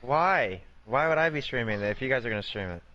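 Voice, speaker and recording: A man's voice: medium pitch, animated, fast talker, bright, forceful tone, muffled recording. A man with a crude, profane, mock-aggressive way of talking, joking around in a voice chat as an analyst. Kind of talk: casual banter in a voice chat.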